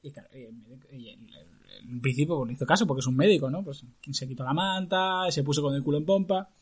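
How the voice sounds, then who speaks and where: Husky, lively male storyteller. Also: a little high, fast talker. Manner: lively, earthy, colloquial. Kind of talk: oral folk-tale telling to a listener.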